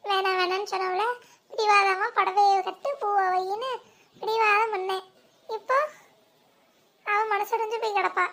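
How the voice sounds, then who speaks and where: A woman acting a fretful village mother and her chatty relatives in a comic family skit, with dramatic gossiping talk. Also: very high-pitched. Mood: worried.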